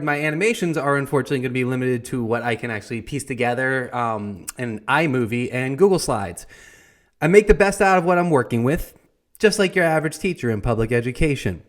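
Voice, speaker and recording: A man's voice: mid-range voice, lightly acted. A man playing a young colonial-era printer who teaches a comedic history lesson with a wry, playful manner. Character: young male founding-father printer as a jokey teacher.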